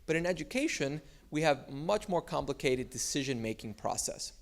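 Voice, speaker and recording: A man's voice: on the high side, animated, moderate pace, creaky. A man from Miami giving a conference talk on starting an education company, speaking loosely with frequent fillers and restarts. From Miami, United States.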